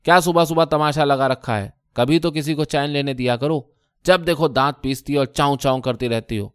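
An exasperated middle-aged husband, voiced by the male narrator bellows at his quarrelling wife. The voice stays smooth and clear, dry and close to the mic. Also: medium pitch, dry recording, lightly acted. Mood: roaring. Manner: roaring, exasperated.

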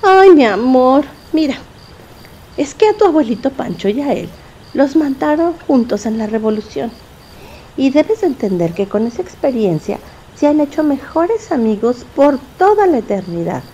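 Una mujer con acento mexicano que da voz a una madre fantasma angustiada y teatral. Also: female voice, high voice, big pitch swings, normal speed, warm tone, lo-fi sound, slight background noise. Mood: tender. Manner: theatrical, wailing, fretful. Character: anxious dramatic ghost mother.

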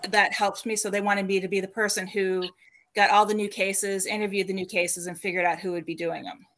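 A woman's voice: mid-range voice, flat delivery, brisk, fairly bright tone. A woman guest on a podcast, casually telling stories about her paranormal work and laughing often between sentences. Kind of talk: casual storytelling interview.

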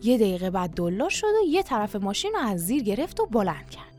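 A woman narrating a storybook audiobook in a calm, measured reading manner. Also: medium pitch. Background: faint music.

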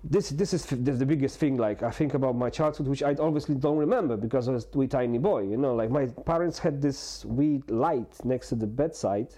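Guest in his 40s, mellow voice, halting and candid, lots of restarts. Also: medium pitch. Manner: halting, full of restarts and fillers; earnest and open. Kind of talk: candid personal conversation.

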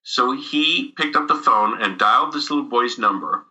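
A middle-aged man with a very bright, forward voice tells a story in an easy, conversational way. He chuckles between phrases and restarts his sentences as he goes. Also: mid-range voice, moderate pace, poor audio. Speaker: guest telling stories. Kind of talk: casual anecdote telling.

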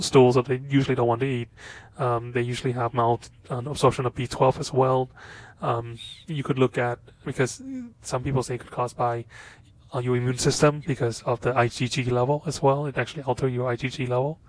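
A man with a nasal, stuffy voice from a cold, teaching a recorded lecture in a halting way with many fillers. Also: mid-range voice, dry recording. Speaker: instructor.

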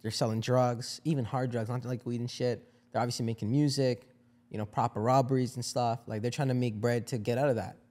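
A young man with a Toronto street accent talks quickly in a dark, relaxed tone. His casual delivery is slangy and questioning. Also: medium pitch. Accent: Toronto urban slang accent. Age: young adult. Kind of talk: casual chat.

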